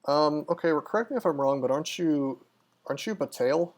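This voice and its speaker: A man's voice: a little high, animated, a little fast. Casual, musing male game streamer. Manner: casual, musing, lots of ums and restarts. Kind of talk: live-stream gameplay commentary.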